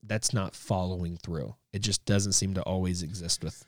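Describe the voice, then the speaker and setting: A man's voice: sits low, fairly even intonation, moderate pace, dry recording, studio quality. A man co-hosting a podcast, telling stories in a rambling, self-correcting way. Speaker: podcast co-host. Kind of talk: casual conversation.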